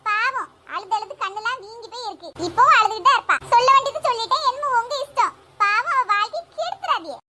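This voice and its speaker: A woman's voice: extremely high pitch, lively intonation, fast, hardly any pauses. A woman playing a scheming young female friend who meddles with sly asides, in a village comedy skit. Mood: persuasive. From Tamil Nadu. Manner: pleading then sly asides. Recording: loud background noise.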